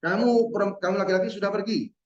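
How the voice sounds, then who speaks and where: A male teacher in an online Arabic lesson, patiently drilling verb forms and repeating each word slowly. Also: high voice, steady tone. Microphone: video call. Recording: roomy and dull-sounding.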